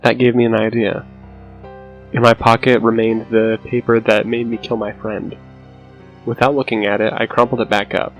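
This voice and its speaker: A man reading a scripted scary story as narrator, with a low, hushed, haunting delivery and a gravelly creak in his voice. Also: little pitch movement, moderate pace. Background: music under the voice.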